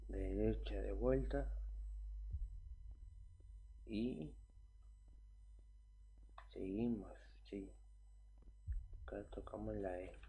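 A young man, an uneasy horror game streamer muttering short, halting remarks to himself as he plays. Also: fairly low pitch, vocal fry, warm tone, a little hiss or hum, low-quality recording. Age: young adult. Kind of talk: casual gameplay commentary.

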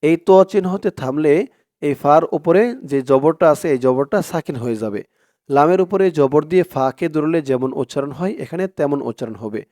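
A man teaching Quran reading, stretching out syllables slowly and then explaining rules in quick asides, with a Bangladeshi Bengali accent. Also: on the high side, lively intonation, darkish tone, dry recording, clean studio sound. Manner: slow drawn-out recitation alternating with quick explanations. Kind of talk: Quran recitation lesson.

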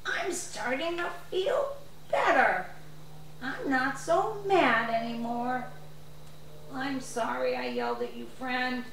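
Huffy, sulky puppet friend, high and sing-song, as a performer puts him on; roomy and a bit off-mic. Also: very animated, takes it slowly, a bit bright, recorded from a distance, a little hiss or hum, heavily acted. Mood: softened, sorry. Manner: huffy, complains. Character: grumpy puppet friend with a sore foot. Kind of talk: children's puppet show.

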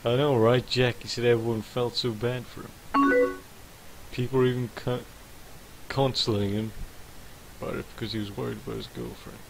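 A man's voice: mid-range voice, fairly even intonation, moderate pace, vocal fry, background noise, lightly acted. A man reading out a game character's chat messages, a young woman upset about a bad night, in a mostly plain voice. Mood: recounting.

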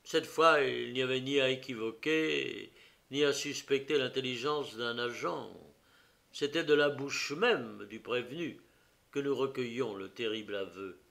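Slow, gravelly male audiobook narrator. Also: medium pitch, fairly bright tone. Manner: slow, dramatic reading.

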